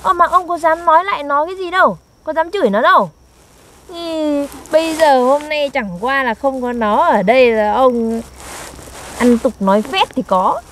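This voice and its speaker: A young woman trades teasing scolds in a comedy skit. Her voice sits high, and she exaggerates each jab. Faint insects and animals chirp outdoors around her. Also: moderate pace, slight background noise. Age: young adult. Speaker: comic actor.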